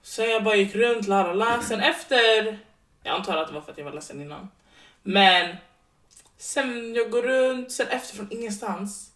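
A woman's voice: medium pitch, a bit bright. A young woman co-hosting a podcast, telling a story animatedly and switching between Swedish and English. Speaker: podcast co-host. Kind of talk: casual storytelling chat. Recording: roomy, distant mic.

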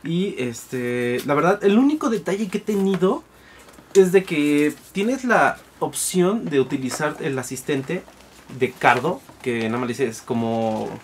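Rambling Mexican man, higher voice. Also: expressive, unhurried, a little hiss or hum. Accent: Mexican Spanish. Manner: rambling, full of fillers. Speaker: podcast co-host. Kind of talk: casual chat reviewing gear.

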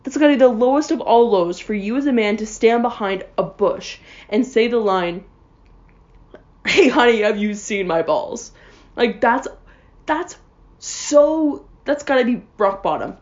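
A woman's voice: fairly high pitch, animated, moderate pace, a little mellow, highs cut off. Sarcastic young woman ranting. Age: young adult. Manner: sarcastic, rambling, heavy on fillers. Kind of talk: casual comedic rant.

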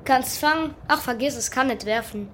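A woman acts a flippant young deckhand boy in a pirate audio drama. The voice is very high and childish, with a bratty, cheeky delivery over slight background noise. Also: moderate pace, natural voice. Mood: mocking.

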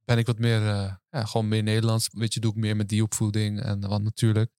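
A young man hosting campus interviews, chatting in a relaxed, rambling way with many fillers. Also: on the low side, a little fast, smooth, no room sound, clean studio sound. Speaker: host and interviewer. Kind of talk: casual chat. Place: outdoors on a university campus.

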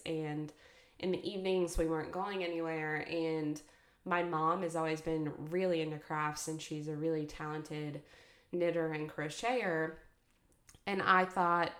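A woman co-hosting a podcast in a casual, chatty way, laughing often between her phrases. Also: low-pitched. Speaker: podcast co-host and brand founder. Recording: echoey room.

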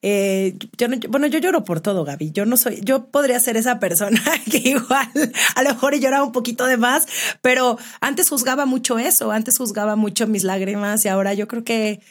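A woman's voice: a little high, brisk. A woman hosting an interview, asking questions and laughing easily. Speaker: host. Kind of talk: interview chat.

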